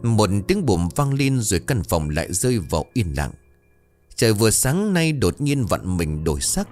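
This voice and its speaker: A man narrates a horror story in a low voice with dramatic, measured delivery. His pitch rises and falls widely, and soft music plays underneath.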